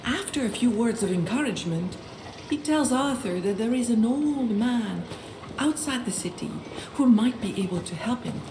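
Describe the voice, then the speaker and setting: A woman narrating a medieval role-playing game in a measured storybook manner, sometimes dropping to a hush. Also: a little high, expressive. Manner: measured, with occasional hushed whispers. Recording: roomy echo, faint noise.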